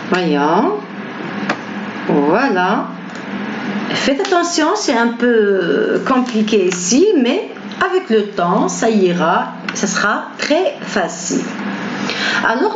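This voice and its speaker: A woman teaching beginners French pronunciation, patiently repeating each word slowly and clearly; her first language is Arabic. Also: fairly high pitch, background noise. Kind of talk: slow beginner pronunciation lesson. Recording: roomy, slightly dull recording with faint ambience.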